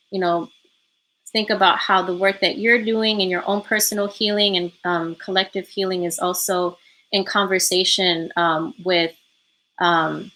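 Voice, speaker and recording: A woman's voice: lowish voice, bright, forceful tone, poor audio. A woman facilitating a healing workshop over a remote call, speaking reflectively with many ums and a habit of ending points with "right?". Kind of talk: reflective online workshop talk. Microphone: remote call from home.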